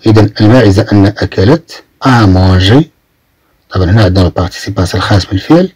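A man from Morocco with a Moroccan Arabic accent, teaching French vocabulary and repeating each phrase slowly before translating it. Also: fairly low pitch, animated, a little mellow, slightly rough, no echo. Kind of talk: explaining vocabulary in a lesson.

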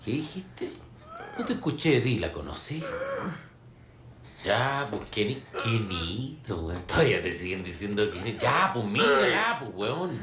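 An actor playing a brutal, mocking male soldier with a Chilean accent, coarse and slangy, breaking into yells. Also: on the low side, very animated, unhurried, reverberant, exaggerated voice. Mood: taunting. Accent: Chilean Spanish. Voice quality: coarse slangy bullying talk, swings to yelling. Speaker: military interrogator. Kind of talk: film drama.

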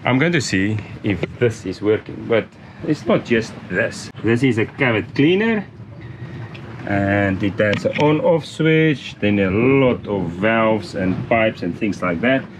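A sailing vlogger in his fifties explains a boat cleaning job step by step in a casual vlog, plainly and with restarts, out on the deck of a catamaran and filmed on a close-held action camera. His voice is lowish with lively intonation and a little slow, in a noisy outdoor boat recording.

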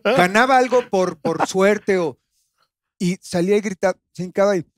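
High-voiced profane Mexican man. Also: normal speed, no echo. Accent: Mexican Spanish. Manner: animated, profane, mimics others. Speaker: guest. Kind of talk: casual chat.

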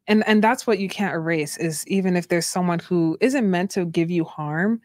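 A woman's voice: on the low side, moderate pace, darkish tone, no echo, clean studio sound. A young woman, a doula and midwife, telling her own story earnestly as a guest, with many casual fillers. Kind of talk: candid personal storytelling.

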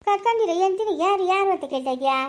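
A woman with a rural Karnataka Kannada accent playing a sharp-tongued village wife who berates and wails curses in an amateur family skit. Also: extremely high pitch, expressive, fast talker, heavy background noise. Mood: scolding. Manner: loud berating, wailing curses.

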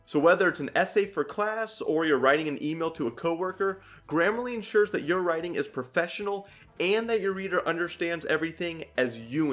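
Guy in his 30s doing a scripted ad read, highish voice, music behind him. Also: fairly bright tone. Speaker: video creator reading a sponsor message.

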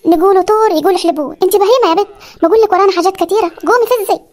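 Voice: very high-pitched, a little mellow. An actor voicing a bossy, scolding Upper Egyptian village mother in a comedy cartoon, with an Upper Egyptian accent. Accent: Upper Egyptian Arabic. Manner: scolding, ordering, quick threats.

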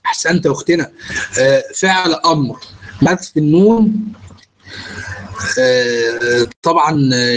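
A man with an Egyptian Arabic accent, his voice sitting a little high. He teaches a grammar class patiently, step by step. He keeps turning to his students with questions. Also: a little hiss or hum, low-quality recording. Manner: explains step by step, quizzing students. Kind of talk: online grammar lesson.

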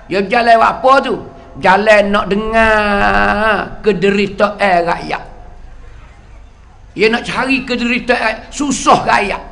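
A man's voice: high voice, pushed and bright. A male religious teacher with a Kelantan-Patani Malay accent, telling a story in a sermon and acting out the scenes with sound words.

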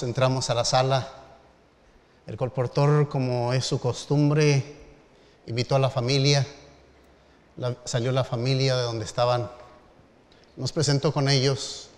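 A middle-aged pastor preaches at a medium pitch, unhurried, with pauses and rising emphasis. His voice carries a long reverb from a large hall or church. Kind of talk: storytelling sermon.

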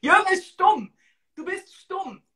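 Animated, bright, high-pitched woman. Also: takes it slowly. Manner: animated, expressive, exclamatory. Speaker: host of a live-stream talk show. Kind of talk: casual, chatty live-stream talk while troubleshooting. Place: small tiled room indoors.

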